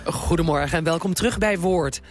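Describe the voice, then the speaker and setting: A woman's voice: lowish voice, a little fast, soft background music. Woman hosting a radio programme. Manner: light, wry asides. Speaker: radio host. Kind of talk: scripted radio presenting.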